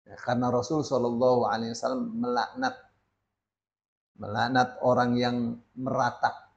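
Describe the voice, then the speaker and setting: Gravelly guy teaching hadith, keeps saying ya, dull lo-fi recording. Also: mid-range voice, little pitch movement, moderate pace. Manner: frequent "ya" tags, reads Arabic text then explains. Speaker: Islamic teacher. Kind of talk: religious lesson on hadith.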